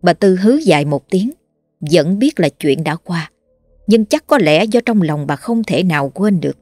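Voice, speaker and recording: Give me a woman telling a horror story, low-pitched and dry, over faint music. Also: expressive, normal speed, darkish tone, dry recording.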